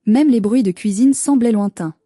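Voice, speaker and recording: A woman narrating a dramatic first-person story in a steady, scripted storytelling delivery. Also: fairly high pitch, moderate pace, no room sound, studio quality, soft background music.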